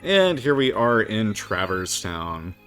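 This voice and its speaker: Laid-back man with lively pitch. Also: slow, soft background music. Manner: laid-back, jokey, laughs often. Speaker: game streamer. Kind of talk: casual let's-play commentary.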